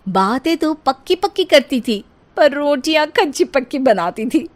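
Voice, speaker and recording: A woman's voice: sits high, animated, moderate pace. A woman narrating a light comic cartoon story in a playful, teasing way.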